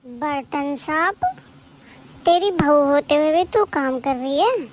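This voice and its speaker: A woman doing a shrill scolding neighbor aunt. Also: animated, takes it slowly. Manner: scolding, complaining. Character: gossiping middle-aged neighbor aunt, sharp-tongued. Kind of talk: animated cartoon voice acting.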